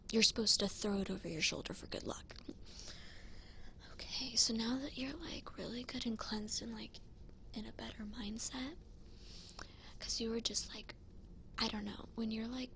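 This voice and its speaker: A woman doing a fast-whispered ASMR role-play as a flaky, self-assured psychic, rambling in a breezy, informal way. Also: fairly high pitch, fairly even intonation, gravelly, fairly bright tone, slight background noise. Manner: rambling, breezy, informal filler-heavy talk. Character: flaky, self-assured female psychic giving a cleansing session.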